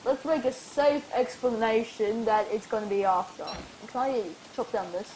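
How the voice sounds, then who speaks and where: A woman's voice: on the high side, moderate pace, darkish tone, slight background noise, low-quality recording. Rambling woman narrating her gameplay. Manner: rambling, chatty, talks to herself and the game. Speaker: gaming channel host. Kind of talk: casual let's-play commentary.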